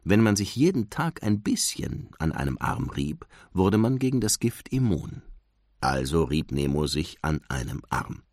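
A man reads a children's storybook aloud with a deep, low voice. His delivery is very lively and sweeps up and down in pitch. The sound is dry and close, with no room echo. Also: unhurried. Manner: expressive, lilting read-aloud narration.

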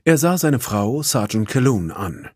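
A man reading a children's storybook aloud in an expressive, animated way. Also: medium pitch, a little slow, dry recording, clean studio sound. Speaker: narrator.

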